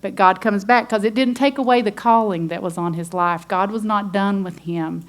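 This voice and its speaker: A woman's voice: mid-range voice, normal speed. Woman teaching a sermon, earnest and emphatic. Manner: earnest, emphatic, reads scripture aloud. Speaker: women's ministry teacher.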